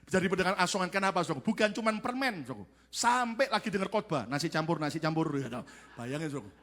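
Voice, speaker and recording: A male pastor preaching in a high, very animated voice, telling a story with drama and turning to the congregation again and again. His voice rings through a large church hall with a long reverb. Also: rapid-fire. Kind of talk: sermon.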